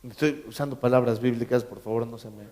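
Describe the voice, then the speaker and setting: A man's voice: medium pitch, steady tone, fast, mellow. A man preaching a sermon as pastor, emphatic, repeating key phrases and quizzing his congregation with joking asides. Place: church.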